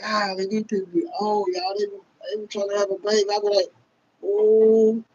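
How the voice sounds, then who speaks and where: A man, hosting a casual livestream rant. He talks loudly and profanely to his viewers, laughing often. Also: high voice, level tone, normal speed, muffled recording. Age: 30s. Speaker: livestream host.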